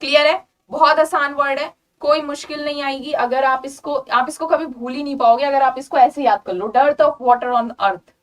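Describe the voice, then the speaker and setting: A young Indian-accented woman gives an online exam-prep vocabulary lesson in a high, bright-toned voice. She repeats each word slowly and keeps checking that students follow. Her voice sits a little back from the mic. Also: steady tone, distant mic, rough recording. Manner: repeats words slowly and checks understanding with "clear?"; mixes English words and sentences into Hindi explanation. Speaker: English vocabulary teacher.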